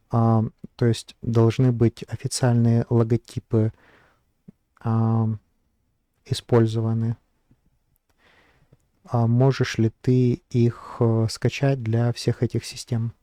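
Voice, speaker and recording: Guy slowly talking through his screen, lots of ums, dark dry voice. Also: medium pitch, no echo. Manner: hesitant, thinking aloud with many fillers. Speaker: vlogger. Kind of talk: casual screen-recording narration.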